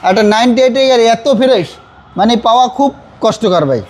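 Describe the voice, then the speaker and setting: A man's voice: extremely high pitch, a little fast. A man with a Bangladeshi accent giving a casual sales walk-around as a car salesman, repeating his points with emphasis. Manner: repetitive, emphatic praising.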